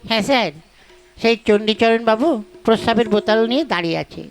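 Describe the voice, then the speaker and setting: A woman's voice: a little high, fast, close to an everyday voice. A woman voicing a dutiful, gossipy clinic nurse in a comic puppet play, speaking eagerly and deferentially. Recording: music playing behind.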